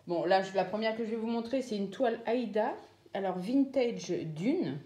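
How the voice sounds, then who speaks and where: In a casual show-and-tell, a chatty woman craft vlogger goes over her purchases in a relaxed, hesitant way, filling her speech with fillers. Her mellow, middle-pitched voice moves at a normal speed in an echoey room.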